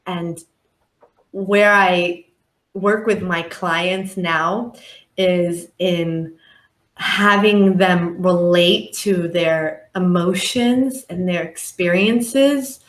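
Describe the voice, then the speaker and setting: A woman's voice: lowish voice, roomy sound. A woman speaking as a life coach guest on a podcast, earnest and reflective. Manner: earnest, reflective, acts out clients' voices. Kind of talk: podcast interview talk.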